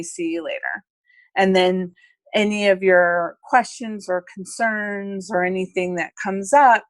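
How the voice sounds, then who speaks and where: Female guest expert, midwife, slow measured explainer, dry close mic. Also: medium pitch, a bit bright, no echo. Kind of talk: explanatory interview talk.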